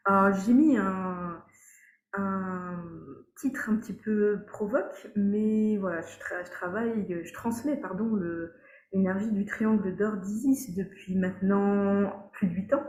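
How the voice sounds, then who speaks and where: French woman, casual explanatory talk, halting with fillers, mid pitch, roomy sound. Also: darkish tone. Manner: hesitant, many fillers and restarts. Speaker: energy healing teacher. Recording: echoey room.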